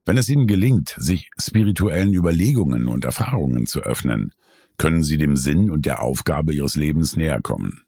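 A man reading a scripted nonfiction summary in a calm, measured way. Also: very deep voice, breathy edge, no room sound. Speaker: narrator.

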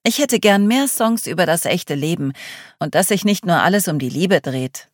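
A woman's voice: fairly low pitch, expressive, normal speed, no room sound, studio quality. A woman reading the part of a blunt, gloomy young woman who keeps to herself, with a sarcastic, grumbling manner.

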